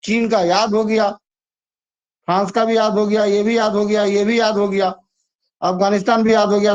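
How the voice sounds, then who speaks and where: A man's voice: sits high, a little mellow. A man teaching an exam-prep lesson, chatty and repetitive as he coaxes students through memory tricks. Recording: dull lo-fi sound.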